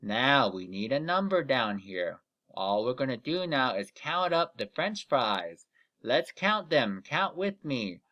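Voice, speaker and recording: A man teaching young children in the manner of a kids show host, explaining deliberately step by step and often checking in with "okay?". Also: medium pitch, pushed and bright. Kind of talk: children's lesson instruction.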